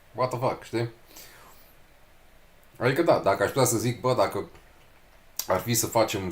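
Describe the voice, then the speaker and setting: A young man giving lively gameplay commentary, ranting and cursing casually. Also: mid-range voice. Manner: animated, swears, rants. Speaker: streamer.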